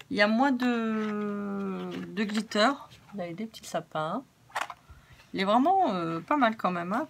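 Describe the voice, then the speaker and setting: Hoarse woman chatting through a haul. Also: mid-range voice, slight background noise. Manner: chatty, repeats words for emphasis. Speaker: craft vlogger. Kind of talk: casual product haul.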